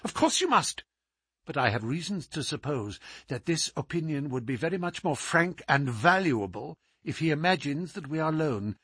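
Sherlock Holmes, crisp and imperious, read by a man. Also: on the high side, animated, moderate pace, fairly bright tone, no room sound, studio quality. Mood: urgent. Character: brilliant male detective, feverish and commanding.

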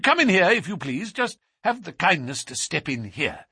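A reedy, quivering fat man acted out by a male narrator in a storybook reading. He is fearful and suspicious, stammering anxiously. The pitch sits high and jumps about, with a husky edge. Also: big pitch swings, normal speed, pushed and bright, no room sound, studio quality, heavily acted. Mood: nervous, confiding. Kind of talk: audiobook character voice.

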